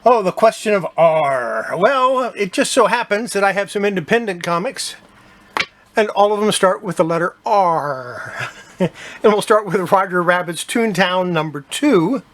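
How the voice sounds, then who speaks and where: A man's voice: sits high, a little slow. Older man chatting about his collection. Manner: relaxed, chatty, with fillers. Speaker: collector channel host. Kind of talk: casual collection show-and-tell.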